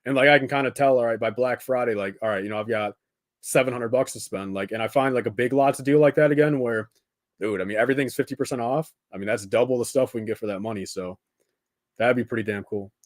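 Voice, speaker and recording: A young man hosting a building stream talks casually and quickly to his viewers in a mid-range voice, using informal address like "man" and "dude" as his unplanned talk meanders. There's no room sound, and the recording is dry with very little room to it.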